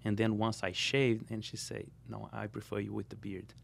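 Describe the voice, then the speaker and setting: A man's voice: lowish voice, little pitch movement, normal speed, gravelly, slight background noise. A man hosting a podcast interview, welcoming with energy and asking questions with frequent restarts. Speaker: podcast host. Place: podcast studio.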